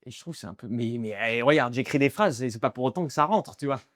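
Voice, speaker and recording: A young man talks openly in a relaxed interview, often restarting and repeating himself as he searches for words. His voice sits in an ordinary middle pitch, and the recording is dry and close. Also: fast talker, no room sound. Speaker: guest, aspiring comedian. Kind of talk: casual interview chat.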